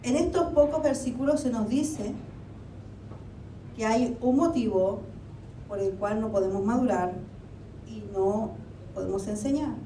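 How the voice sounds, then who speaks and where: An Argentine woman preaches a sermon in a church hall, using a conversational style full of rhetorical questions. She speaks at a measured pace with long pauses and a mellow voice. The recording is echoey, with the mic at a distance and a faint rumble.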